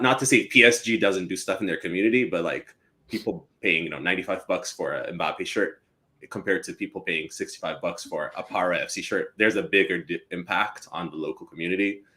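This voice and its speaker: A young man from East Africa, a company co-founder chatting casually as a podcast guest with lots of fillers. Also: sits low. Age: young adult. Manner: relaxed, rambling with many fillers.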